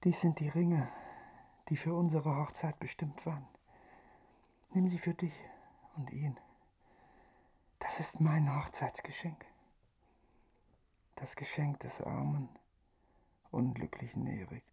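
An actor playing a tormented, lovelorn masked phantom, resigned, in a halting breathy half-whisper for a radio play. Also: male voice, fairly high pitch, steady tone, mellow, a little hiss or hum. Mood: sorrowful.

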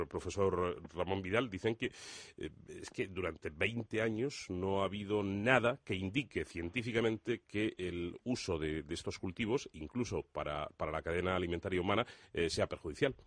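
A man's voice: deep voice, moderate pace, no echo. A man hosting a radio interview, reading an intro and asking questions with hesitant fillers. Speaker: radio host.

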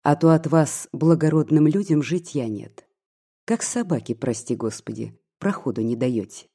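A reader voicing a spiteful, gossiping old maid who mocks and pries, with a husky, mellow voice. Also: mid-range voice, moderate pace, natural voice. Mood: indignant. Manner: mocking, scolding, prying.

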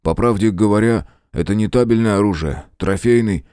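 A man's voice: on the low side, normal speed, mellow, clear, resonant tone, no echo, studio quality, lightly acted. A man voicing a blunt, loyal soldier brother who talks earnestly in an audiobook.

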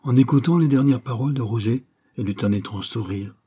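A man reading a serial novel aloud as audiobook narration, in a measured, dramatic manner. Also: medium pitch, warm tone, slightly rough. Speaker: audiobook reader.

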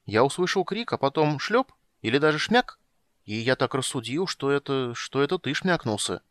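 A man voicing a small, curious, excitable kender who tells stories eagerly and breathlessly. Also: medium pitch, moderate pace, no echo, voice pushed up, lightly acted. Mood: rueful.

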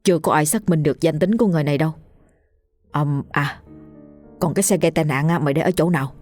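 A woman's voice: low voice, fast, darkish tone, soft background music. A woman voicing a blunt young male coworker who scolds and worries over his friend. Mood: blunt worry.

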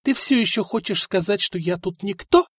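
A man's voice: sits high, normal speed, no room sound, studio quality, pitched above the performer's own voice. A man voicing a proud noblewoman princess who speaks coldly and firmly, in a storybook reading. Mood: threatening. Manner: cold, firm, disdainful.

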